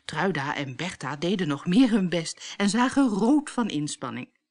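A woman narrating a fairy tale as a storybook read-aloud, expressive and lively. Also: fairly low pitch, moderate pace.

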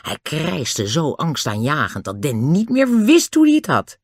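A man reading a children's adventure story aloud, in a lively, expressive way. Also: on the high side, unhurried, no echo, clean studio sound. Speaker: narrator. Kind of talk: audiobook narration of a children's book.

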